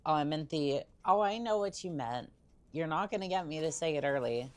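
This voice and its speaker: A woman's voice: deep voice, lively intonation, fairly quick. A woman livestreaming a video game, chatting casually with playful teasing and hesitant musing aloud. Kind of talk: casual chat over gameplay with in-character asides.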